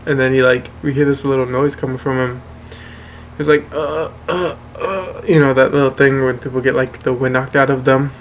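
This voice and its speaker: Gaming host, male, middle pitch, loose rambling storyteller who swears freely, faint room noise behind. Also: monotone, a little fast, low-quality recording. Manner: rambling, profane, keeps saying "and whatnot". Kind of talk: casual storytelling over gameplay.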